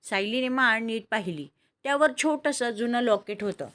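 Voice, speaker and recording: Brief: steady, calm woman narrating a family drama. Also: fairly high pitch, moderate pace. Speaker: storyteller. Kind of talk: scripted story narration.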